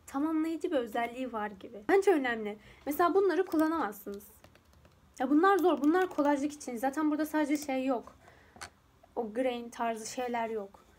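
A woman's voice: sits high, expressive, brisk, a little mellow. A young woman chatting casually at home as she walks through a photo edit, rambling and laughing often. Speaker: YouTuber teaching photo editing. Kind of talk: casual screen-recorded tutorial chat.

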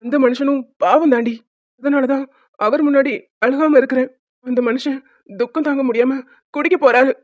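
A woman's voice: high voice, steady tone, normal speed, long pauses, dry recording, lo-fi sound, lightly acted. A woman voicing a young grieving husband and doting father in a cartoon, speaking in an emotional, tearful, pleading way. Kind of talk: cartoon voice acting.

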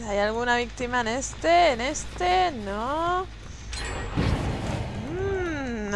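A woman's voice: fairly high pitch, fairly bright tone. A young woman with a Spanish accent from Spain, streaming a game and teasing the other players with playful taunts and laughter. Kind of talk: live gameplay commentary. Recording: noisy stream audio.

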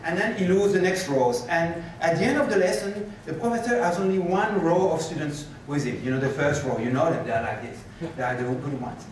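A man giving a conference keynote and answering questions, animated and moving about the stage, recorded from a far camera in a lecture hall. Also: on the high side, a little fast, few pauses, slight background noise. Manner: animated, gestures while pacing the stage. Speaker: keynote speaker. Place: lecture hall with projector screens. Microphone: far room camera.

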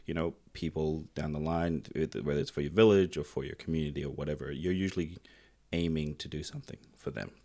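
A man's voice: a bass voice, fast, darkish tone. A man in his thirties hosting a podcast from a small home studio, laid-back and affirming, swearing casually. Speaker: podcast host. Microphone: studio mic on boom arm, headphones.

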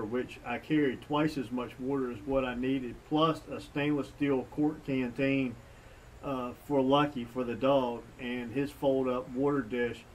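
A middle-aged man hosting a bushcraft vlog, talking in a relaxed, folksy, plain-spoken way while sitting outdoors on a front porch. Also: mid-range voice, a little hiss or hum. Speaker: bushcraft channel host. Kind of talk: casual sit-down vlog chat. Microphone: camera mic from a few feet away. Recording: distant mic, faint outdoor ambience.

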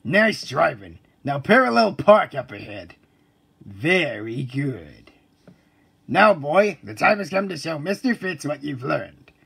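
A man voicing a stern, blustering drill-sergeant driving instructor in a commanding, military cartoon style, gravelly and husky. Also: a little high, big pitch swings, slow, pushed and bright, exaggerated voice. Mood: approving. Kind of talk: cartoon voice acting.

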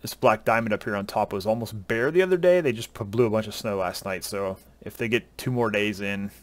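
A relaxed man in his thirties talks casually to his viewers through a headset at home. His voice sits slightly low and the talk rambles along, full of uhs and ums. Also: brisk. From Southern US. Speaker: ski vlogger. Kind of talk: casual chat to camera. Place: home room at a desk.

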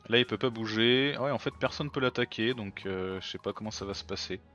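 A man's voice: fairly low pitch, a little fast, fairly bright tone, faint music behind. Chatty male let's-play host. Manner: chatty, thinks aloud with many fillers. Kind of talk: casual gameplay commentary.

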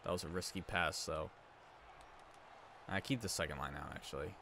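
A young man giving rambling, casual live commentary on a hockey video game he is streaming, breaking into excited cheers when his team scores. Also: deep voice, moderate pace, creaky, a crowd in the background. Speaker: gaming streamer.

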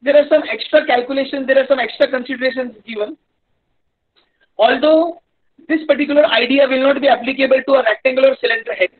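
A man's voice: extremely high pitch, fairly even intonation, fast talker. A man with a North Indian accent giving a live online engineering lecture in a hesitant, repetitive, explanatory manner. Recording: dull lo-fi online-class audio.

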